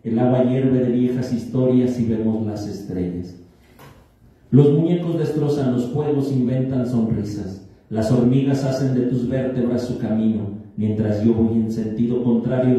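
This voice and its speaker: Male poet reads his verse; deep-toned and mellow; roomy, distant recording. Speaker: poet reading his own poem. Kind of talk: poetry reading. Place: reading event in a hall. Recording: echoey hall from far off.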